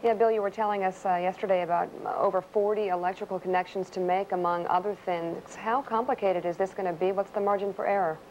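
A woman works as a news anchor, interviewing live from a newsroom studio. Her pitch is average. The recording is muffled, with faint noise. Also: fairly even intonation, quick pace, few pauses, darkish tone. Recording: dull, faintly noisy TV tape.

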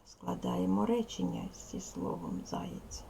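A woman teacher leading a lesson for young children, speaking slowly and repeating key words. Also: fairly low pitch, huge pitch swings, gravelly, mellow, a little hiss or hum. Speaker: primary school teacher. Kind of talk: teaching a second-grade language lesson.

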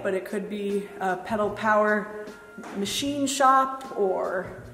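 A woman's voice: mid-range voice, slow pace, fairly bright tone. Young woman doing a how-to tour in a big echoey warehouse, lots of reverb, bit of music behind. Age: young adult. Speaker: bike shop tour guide. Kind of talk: explanatory walk-through tour. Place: large indoor warehouse. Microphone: clip-on chest mic. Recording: roomy empty warehouse echo, long reverb.

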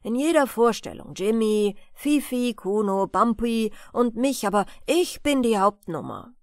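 A woman's voice: fairly high pitch, lively intonation, a little slow, dry recording, studio quality. A woman doing a boastful circus horse. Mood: proud. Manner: proud, sociable, louder, a bit grand.

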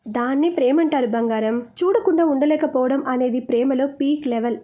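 A woman's voice: high voice, normal speed, dull audio, natural voice. A woman doing a fussing, teasing best friend. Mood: comforting. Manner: fussing, warm scolding.

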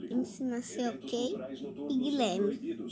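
A woman hosting her own channel, giving a chatty, excitable reaction commentary to a video and thinking aloud as she watches. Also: on the high side, slow pace, over a noisy crowd. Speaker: channel host. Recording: loud background noise.

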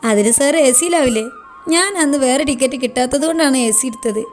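A shy, sentimental young woman speaks softly and earnestly, wistful about home, as the storyteller voices her. Her voice is high, with faint music running underneath. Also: fast talker, natural voice.

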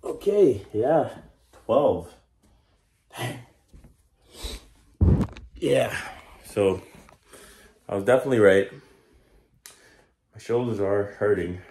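A man's voice: low voice, warm tone. A young man vlogging casually to his phone while doing push-ups, a bit winded and straining. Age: young adult. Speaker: fitness challenge vlogger. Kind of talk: casual self-talk vlog. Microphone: phone camera, at arm's length or propped nearby. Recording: echoey small room.

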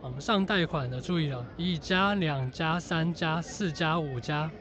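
A man filming a walk through a city square by a bus station, casually commenting and counting the food stalls out loud as he goes. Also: fairly high pitch, a little slow, over a noisy crowd. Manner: offhand, counting stalls aloud as he walks. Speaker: vlogger filming a street walk. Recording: loud street noise behind.

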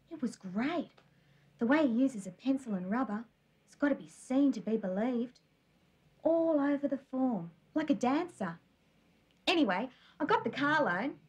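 A woman's voice: high-pitched, expressive, measured pace, pauses often, a little mellow, husky, full character voice, low-quality recording. A woman playing a sarcastic, blunt young woman. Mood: sardonic. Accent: Australian. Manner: dry, sarcastic monologue.

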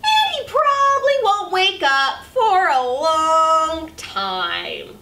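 A young woman reading a picture book aloud as a children's storyteller, with animated, exaggerated delivery, in a small room at a distance from the mic. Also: extremely high pitch, drawn-out words. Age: young adult. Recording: roomy, distant camera mic, faint noise.

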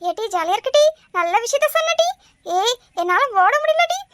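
A woman's voice: extremely high pitch, sing-song, normal speed, background noise. A woman voicing a bossy, scolding older mother-in-law in a cartoon. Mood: excited. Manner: scolding, nagging. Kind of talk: cartoon voice acting.

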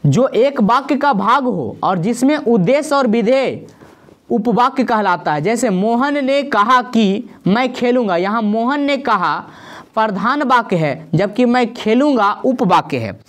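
A woman with a slightly high voice runs through an exam-prep grammar lesson. She states each rule, then lists short examples, pausing to check in with her students. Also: animated. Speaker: teacher.

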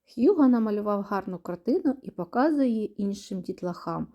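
A woman reading a children's storybook aloud for kindergarten children in an expressive manner. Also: medium pitch, fairly quick, lo-fi sound. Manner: expressive, animated.

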